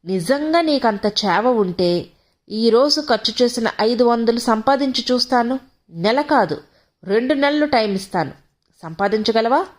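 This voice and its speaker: A woman's voice: on the high side, animated, a little slow. A woman reading the lines of a man, an arrogant young husband who mocks and berates his wife. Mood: sneering. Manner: mocking, berating.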